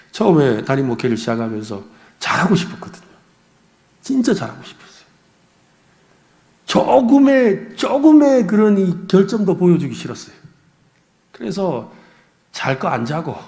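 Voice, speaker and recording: A man's voice: on the high side, mellow. A middle-aged man, a pastor, preaching an earnest, confessional sermon with personal stories.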